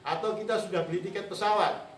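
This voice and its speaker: A man's voice: high voice, steady tone, fast talker. A man teaching a martial arts class to students, instructive and repetitive, chuckling now and then. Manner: instructive, repeats phrases, chuckles often. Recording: echoey room, mic far off.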